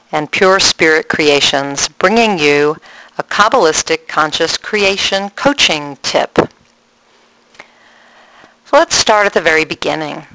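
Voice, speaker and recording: A woman's voice: low voice, sharp tone, low-quality recording. A woman who works as a spiritual coach, talking listeners through a coaching tip in an earnest, explaining way with some fillers.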